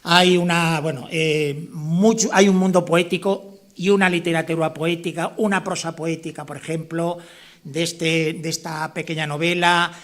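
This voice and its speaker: A man's voice: a little high, fairly even intonation, normal speed, a bit bright. Rambling man presenting his novel. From La Mancha, Spain. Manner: rambling, with frequent restarts and "¿no?" tag questions. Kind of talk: informal speech at a book presentation.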